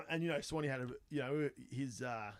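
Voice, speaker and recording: A man's voice: mid-range voice, moderate pace. An Australian man co-hosting a podcast, chatty and retelling stories with quoted voices. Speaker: podcast co-host. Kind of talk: casual chat.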